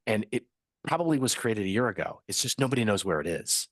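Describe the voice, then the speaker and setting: A man with a fairly low voice co-hosts a business webinar and chats casually alongside the presenter. He is animated and joking and likes to act out small exchanges. The sound is dry and close, with no room behind it. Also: quick pace, no room sound. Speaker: webinar co-host.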